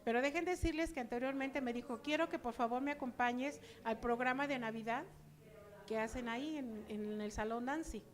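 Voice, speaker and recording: A woman's voice: a little high, moderate pace. An older woman giving a chatty personal testimony to her church, acting out remembered dialogue.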